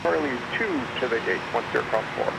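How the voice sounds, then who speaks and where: A man heard over an air traffic radio feed, his voice gravelly and quick as he rattles off clipped taxi instructions. The feed sounds distant, with steady noise hissing underneath. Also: medium pitch. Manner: clipped rapid radio phraseology. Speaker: air traffic ground controller.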